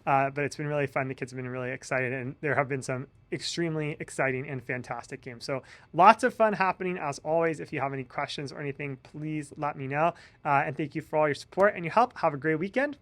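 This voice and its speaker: A man's voice: a little high, fast, a bit bright. Chatty man giving a class update. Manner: friendly, informal, with frequent uh and um fillers. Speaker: elementary school teacher. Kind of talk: weekly class update to parents.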